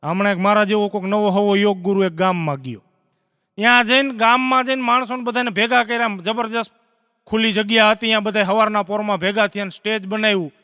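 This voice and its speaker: A man doing live stand-up, his voice high and bright. He is a lively storyteller who slips into his characters. The sound is clean and close, with a long hall reverb behind it. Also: fast talker, smooth. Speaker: stand-up comedian. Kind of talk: live stand-up joke telling.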